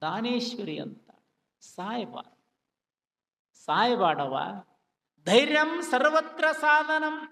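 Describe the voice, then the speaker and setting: A man's voice: very high voice, sing-song, slow, long pauses, bright, forceful tone, recorded from a distance, heavily acted. A man as a soothing motherly consoler. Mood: consoling. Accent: North Karnataka Kannada. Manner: soothing, preaching with proverbs. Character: calm motherly woman consoling a widow. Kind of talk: folk drama recitation. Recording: long hall reverb.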